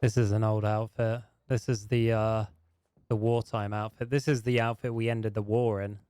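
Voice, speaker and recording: A man speaking in character in a roleplay game, calm, firm and matter-of-fact. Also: on the low side, moderate pace, smooth, dry recording. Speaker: roleplay gamer.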